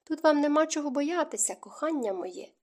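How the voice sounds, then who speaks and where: A woman voicing an amorous male king in an audiobook, soft and coaxing. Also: sits high, animated, fairly quick, pitched above the performer's own voice. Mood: tender.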